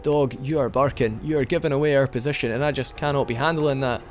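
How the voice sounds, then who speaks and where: A man's voice: mid-range voice, steady tone, fast talker. Young guy rambling through a game, lots of restarts, hiccups, faint game noise behind. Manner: chatty and rambling, with frequent restarts. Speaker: let's play commentator. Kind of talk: casual gameplay commentary.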